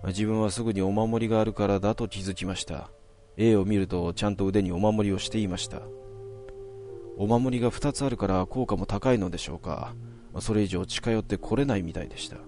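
A man narrating a horror story from his own past in a measured, suspenseful way. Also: lowish voice, warm tone.

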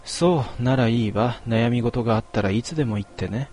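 A man voicing a gentle, sad-eyed middle-aged mother who speaks softly and kindly in a story reading. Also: mid-range voice, a little fast, soft background music, natural voice. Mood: gentle, caring. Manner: soft, kindly, concerned.

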